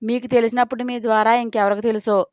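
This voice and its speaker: Woman doing fiery young designer gal, snaps back loud, dull lo-fi sound. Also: on the high side, little pitch movement, fast, clean tone, no echo, natural voice. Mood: indignant. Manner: indignant, raises her voice. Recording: dull lo-fi dry recording.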